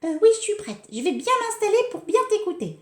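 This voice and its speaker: A woman's voice: extremely high pitch, very animated, fairly quick, pitched above the performer's own voice. A woman voicing Lola, an eager, cheerful little girl who answers in a chirpy sing-song voice. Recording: roomy echo.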